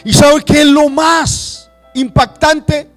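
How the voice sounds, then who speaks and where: A Colombian man preaching a sermon to his congregation, rising to shouts and acting out churchgoers' excuses. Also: very high voice, fairly even intonation, takes it slowly, soft background music. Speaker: pastor.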